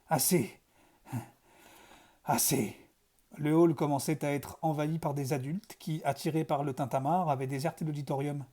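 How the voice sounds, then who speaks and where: Mellow-voiced male audiobook narrator. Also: on the high side. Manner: steady first-person storytelling. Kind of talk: audiobook narration of a children's novel.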